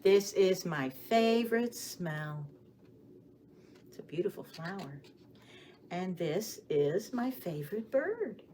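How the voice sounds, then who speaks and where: Over clearly audible background noise, a children's librarian with a fairly low voice reads stories and rhymes to young children. Her delivery is sing-song and expressive. She frequently asks the kids questions and waits for them to answer.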